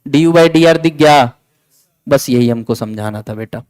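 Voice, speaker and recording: A man's voice: mid-range voice, measured pace, darkish tone, smooth, no echo, low-quality recording. A man teaching a physics lecture in mix, chatty and coaxing, repeating key points and scolding students playfully. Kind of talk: classroom lecture.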